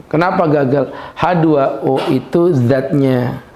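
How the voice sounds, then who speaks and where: A middle-aged man giving a humorous religious lecture as a preacher, joking and lively, laughing often and slowing down to stress his points. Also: mid-range voice, a little hiss or hum. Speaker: Islamic preacher. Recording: echoey room.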